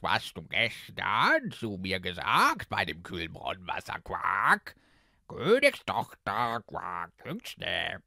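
A croaking male frog from a fairy tale, voiced by a man reading aloud. He pleads slowly, his bright voice swinging up and down, every few words broken by a croak. The sound is dry and close. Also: on the low side, dry recording, exaggerated voice. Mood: insistent. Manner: slow, drawn-out croaking "quak" between words. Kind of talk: storybook narration.

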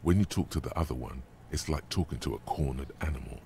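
A man voicing the stern inner narrator of a detective video game, speaking in a grave, measured, coaching way. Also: very deep voice, gravelly, mellow, slight background noise. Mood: calm coaching.

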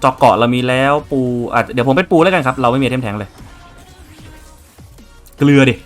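A man's voice: medium pitch, expressive, brisk, soft background music. A young man casually commenting on his strategy game as he plays, chatting to viewers and swearing freely. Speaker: game streamer.

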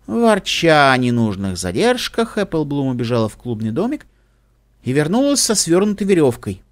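A man reading an audiobook aloud in an expressive storytelling manner. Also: fairly high pitch, moderate pace. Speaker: audiobook reader. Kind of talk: audiobook narration.

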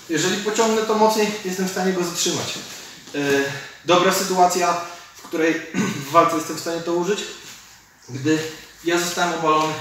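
A man with a fairly high, somewhat bright voice demonstrates martial arts techniques and explains them informally as an instructor. He's in a large indoor MMA cage gym, picked up by a camera several metres away, so the sound is echoey and a little noisy.

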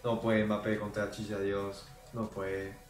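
A young man from Peru, commentating his own football video game as a reviewer and bursting into loud shouts over goals. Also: lowish voice, little pitch movement, takes it slowly. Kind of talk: gameplay commentary. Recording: echoey room with music behind.

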